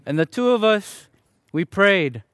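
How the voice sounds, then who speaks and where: A young man from Chicago with a slightly higher voice that sounds smooth and crisp. He speaks earnestly and conversationally, with some self-deprecation, as he shares his testimony with a church audience. The sound is dry and close to the microphone. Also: expressive, unhurried, fairly bright tone, no echo. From Chicago, Illinois, USA. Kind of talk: personal testimony talk to a church gathering.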